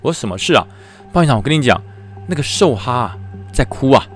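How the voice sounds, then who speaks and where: A man's voice: medium pitch, sing-song, quick pace, lightly acted. A man doing a flustered chubby young soldier. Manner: flustered, stammering reports. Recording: faint background music.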